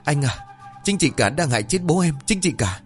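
A man's voice: medium pitch, lively intonation, moderate pace, natural voice. A frightened young wife, as a male storyteller puts her on, pleading in a raised, swooping voice. Her speech is panicky and breathless with fear, with faint music under the telling. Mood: panicked.

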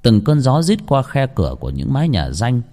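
A man narrating a village ghost story in a hushed, suspenseful storytelling manner. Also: mid-range voice, huge pitch swings, a little fast.

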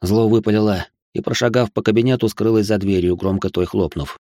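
A man with a low voice reads a first-person novel aloud. His delivery is stern and clipped in the dialogue, and the recording is dry and close. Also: a little fast, dark tone, no echo. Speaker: audiobook narrator.

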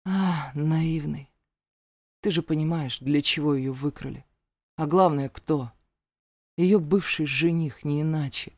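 This is a gruff, stern mentor of young warriors, played by a woman reading an audiobook. He scolds and growls in a hard, clipped voice. The recording is close and dry, with no room sound. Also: sits low, a little slow, a little mellow, no room sound.

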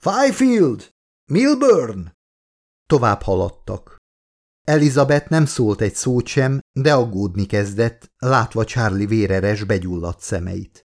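A man narrating his own book as an audiobook, steady and measured. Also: on the low side.

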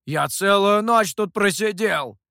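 A man's voice: mid-range voice, big pitch swings, moderate pace, pushed and bright, no echo. A man voicing a brash, playful male monkey demon who boasts and teases, read in a very dry, close sound. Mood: indignant. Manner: boastful and teasing.

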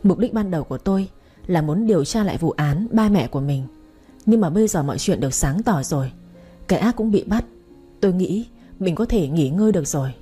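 Woman reading as a calm, resolved young woman. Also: fairly low pitch, a little fast, husky, soft background music. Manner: quiet, resolved. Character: calm young woman quitting her service.

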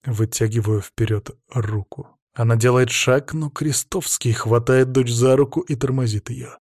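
A man reading first-person audiobook narration in a calm, steady manner. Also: mid-range voice, measured pace, dry recording, clean studio sound.

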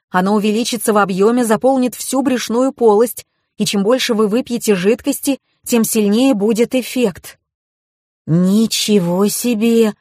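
A woman reading a first-person audiobook, lively and lightly ironic. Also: fairly high pitch, dry recording, studio quality. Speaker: audiobook narrator.

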